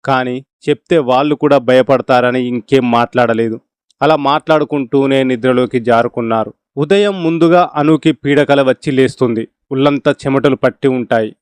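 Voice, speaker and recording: Smooth-voiced man narrating a horror tale. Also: medium pitch, no echo. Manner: voices all characters himself, quick dialogue exchanges. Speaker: storyteller. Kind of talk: scripted narration of a horror story.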